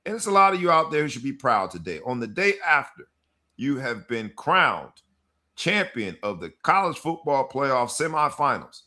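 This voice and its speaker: A man's voice: a little high, pushed and bright. A man hosting a sports talk podcast, hyping the intro with dramatic announcer-style delivery. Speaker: podcast host.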